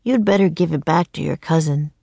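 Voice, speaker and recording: A woman voicing a sensible, serious young boy speaking calmly. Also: low-pitched, fairly quick, gravelly, no room sound.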